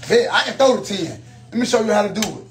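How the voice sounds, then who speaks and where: A man playing dice with friends, talking loudly, cursing and repeating himself while he shoots. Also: high-pitched, fast. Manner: loud, repetitive, cursing, animated. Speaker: dice player. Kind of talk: trash-talking during a dice game. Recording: noisy room recording.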